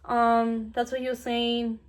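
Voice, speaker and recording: Speaking slowly and in a monotone at a fairly high pitch, a young adult woman vlogs a casual storytime. She still retells the events animatedly, voices what others said, and leans on "like" all the time.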